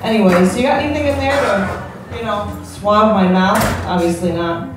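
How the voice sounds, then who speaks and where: A woman's voice: mid-range voice, moderate pace, a crowd in the background. An American woman in her forties performing live stand-up comedy in a brash, profane, conversational way. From upstate New York, United States. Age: 40s. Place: indoor comedy show with live audience. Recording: echoey, noisy club recording from far off.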